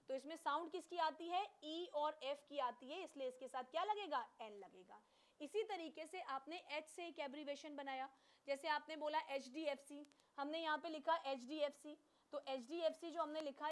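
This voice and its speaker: A woman's voice: high voice, fairly bright tone. A woman teacher giving an online class, who asks questions and then answers them herself, and switches between Hindi and English.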